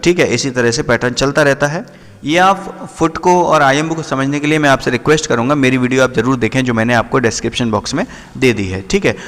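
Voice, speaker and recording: Man teaching with slow read-out definitions. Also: medium pitch, fairly bright tone, big-room sound. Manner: slows down sharply to read English definitions; repetitive, checks in often with the listener. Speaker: exam-prep English literature teacher. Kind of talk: explanatory lesson.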